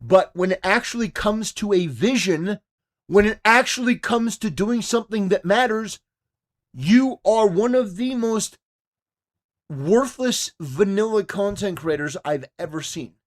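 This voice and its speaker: A man's voice: sits high, measured pace. A man hosting a live stream, ranting in scornful, confrontational commentary aimed straight at his target.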